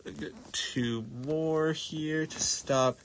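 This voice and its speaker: Unhurried playful male game commentator. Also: fairly high pitch, steady tone, slight background noise, poor audio. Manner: playful, mock-dramatic. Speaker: gaming streamer. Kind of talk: gameplay commentary.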